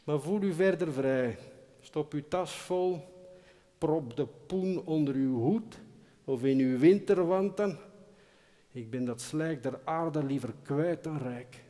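A bitter, fed-up rich man, as a man reads him aloud on stage shouts down curt, dismissive replies. His voice is loud and sharp, and it rings out into the long reverb of a concert hall. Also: on the high side, slow, voice pushed up. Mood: scornful.

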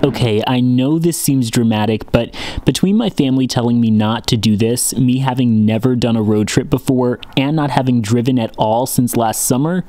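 A man's voice: mid-range voice, normal speed, mellow, dry recording. An American man in his twenties narrating a travel vlog in a scripted storytelling style. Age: 20s. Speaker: travel vlogger. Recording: music under the voice. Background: background music.

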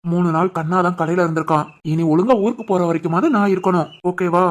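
A man's voice: high voice, steady tone, fast, natural voice. A man playing an easygoing cartoon husband. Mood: coaxing. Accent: Tirunelveli Tamil. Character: affectionate young husband, shopkeeper, easygoing.

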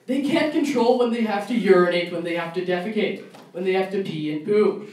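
A man's voice: high-pitched, fairly quick, a little mellow. A young man doing a stand-up comedy set at a college club show, ranting in mock outrage. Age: young adult. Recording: echoey room, mic far off, faint noise.

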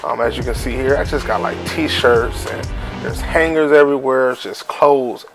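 A man from Cleveland in his thirties giving a relaxed, chatty closet-tour vlog narration at home. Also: medium pitch, moderate pace, over music. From Cleveland, Ohio. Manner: relaxed, chatty, uses lots of fillers like "so yeah" and "like". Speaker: family vlogger.

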